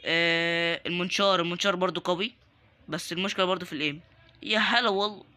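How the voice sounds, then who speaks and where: A young man with an Egyptian Arabic accent commentating his game, excitable and joking as he taunts other players. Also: high-pitched, fast talker. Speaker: gaming YouTuber. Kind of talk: live Roblox gameplay commentary.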